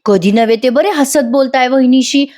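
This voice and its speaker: A woman's voice: high voice, moderate pace, darkish tone, pitched above the performer's own voice, close to an everyday voice. A woman playing a tart suspicious housewife. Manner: tart, needling. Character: suspicious sharp-tongued housewife.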